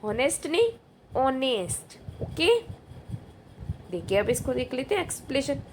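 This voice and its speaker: A woman's voice: high-pitched, animated, unhurried, slight background noise. A woman teacher going through an exam prep lesson, asking questions aloud and answering them herself, repeating the key answers.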